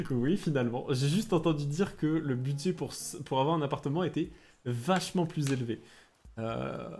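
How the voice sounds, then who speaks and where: A man's voice: a little high, lively intonation, measured pace, a little mellow, slightly rough. A young man from Bordeaux, a Japanese teacher, gives a casual livestream lesson in a chatty, hesitant way with many fillers. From Bordeaux, France.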